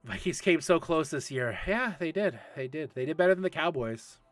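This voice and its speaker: A man's voice: on the high side, lively intonation, moderate pace, dry recording, soft background music. A man in his late thirties hosting a casual livestream Q&A for an esports league, chatty and laughing often while answering chat. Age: 30s.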